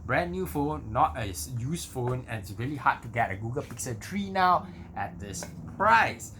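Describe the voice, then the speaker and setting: A man's voice: mid-range voice, sing-song, moderate pace, pushed and bright. Man vlogging over noticeable background noise. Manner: conversational, repeats himself with tag words like okay and right. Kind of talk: casual unboxing vlog.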